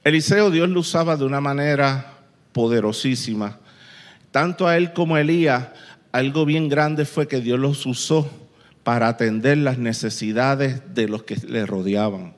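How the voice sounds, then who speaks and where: A man preaching a sermon, telling a story with lively sound effects and quoted voices. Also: mid-range voice, moderate pace. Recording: long reverb in a large hall.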